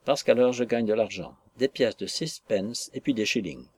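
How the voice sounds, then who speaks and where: A man's voice: mid-range voice, normal speed, darkish tone, lightly acted. A man reading the part of a serious, brave young working girl in an audiobook, speaking politely and earnestly. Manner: earnest, polite and plain-spoken.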